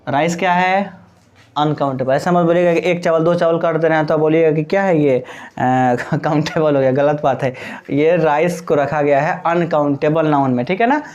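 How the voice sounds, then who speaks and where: Muffled audio carries a slightly high, darkish male voice with fairly even intonation at a normal speed. He is an English teacher giving a grammar lesson in class, mixing Hindi with English terms. His method is to quiz the class and supply the answers himself.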